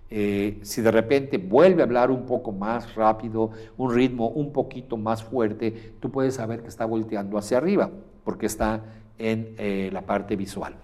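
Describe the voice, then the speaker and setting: Lowish-voiced male instructor lecturing. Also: fairly even intonation, a little slow, darkish tone. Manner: demonstrates pace and pitch changes while teaching, with frequent "eh" fillers.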